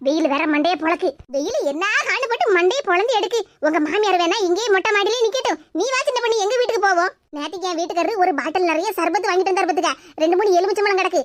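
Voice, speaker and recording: A woman voicing a bold, sharp-tongued neighbor woman in a cartoon, chatty and outspoken, with a Tirunelveli Tamil accent. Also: extremely high pitch, racing, few pauses, dry recording. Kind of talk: cartoon voice acting.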